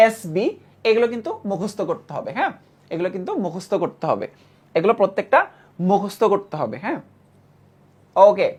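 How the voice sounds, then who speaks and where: A woman teaching a chemistry lesson who repeats key terms and keeps checking that students follow. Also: mid-range voice. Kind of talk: classroom lecture.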